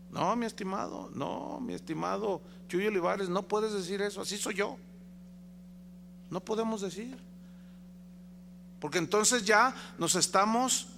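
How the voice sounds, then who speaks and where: A man's voice: sits high, gravelly, a bit bright, a little hiss or hum. A man with a Mexican accent preaching a sermon in a folksy, conversational way, often putting questions to his listeners. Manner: folksy, conversational, quizzing the congregation. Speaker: pastor.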